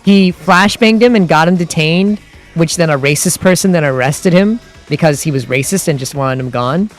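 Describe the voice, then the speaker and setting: Rambling man streamer, fairly high voice. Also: normal speed, faint music behind. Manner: rambling, lots of "like" and restarts; grows heated and exasperated. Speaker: livestream host. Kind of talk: casual chat with stream viewers.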